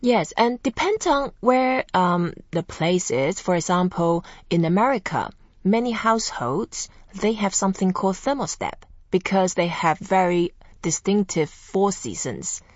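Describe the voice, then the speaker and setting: A woman's voice: on the low side, lively intonation, dry recording, dull audio. Woman from Taiwan teaching Chinese. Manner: slow, careful pronunciation drills. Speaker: Chinese language teacher and host. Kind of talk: scripted language lesson podcast.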